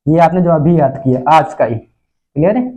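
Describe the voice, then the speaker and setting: A man's voice: fairly high pitch, animated, normal speed, dark tone, lo-fi sound. A male Sanskrit teacher, teaching in a classroom lecture style. He repeats words and asks questions, then answers them himself. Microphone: recorded lesson video.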